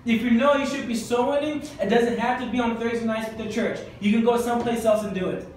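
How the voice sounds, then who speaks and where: A man's voice: very high voice, fairly even intonation, fast, a little mellow, a little hiss or hum. A man preaching a sermon, exhorting his listeners with insistent repetition. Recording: very echoey church hall from far off.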